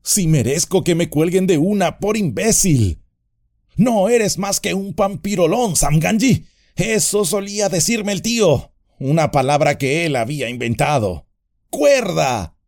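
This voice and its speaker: A man voicing a loyal young male hobbit servant, earnest and excitable. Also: on the high side, normal speed, no echo, studio quality, voice pushed up. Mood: excited. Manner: excitable, self-scolding.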